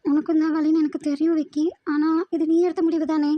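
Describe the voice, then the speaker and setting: A woman voicing a hurt, devoted young woman in an animated drama, pleading insistently. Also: high-pitched, fast talker, no echo, highs cut off, natural voice.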